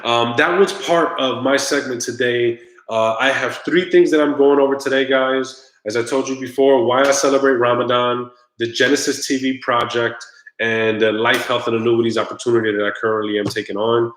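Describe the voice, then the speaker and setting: A man's voice: medium pitch, fairly even intonation, normal speed, a bit bright. Laid-back man live-streaming, echoey room. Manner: laid-back, talks straight to viewers, groans at the drink. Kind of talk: casual live-stream chat.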